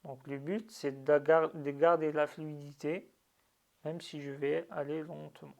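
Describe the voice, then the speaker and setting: A man teaching a slow, patient lesson, drilling syllables with long drawn-out sounds. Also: fairly high pitch, flat delivery, vocal fry. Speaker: Arabic reading teacher.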